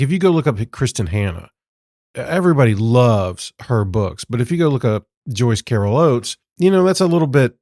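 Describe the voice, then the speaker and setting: A man hosting a book podcast in a casual, sarcastic monologue, sounding rough from being sick. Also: mid-range voice, a little mellow, dry recording, clean studio sound. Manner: sarcastic, self-deprecating, conversational. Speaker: podcast host.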